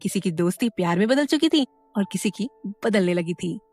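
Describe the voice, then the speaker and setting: Female narrator for an audio serial, expressive, dry close sound. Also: mid-range voice, normal speed, no room sound, faint music behind. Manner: storytelling, expressive.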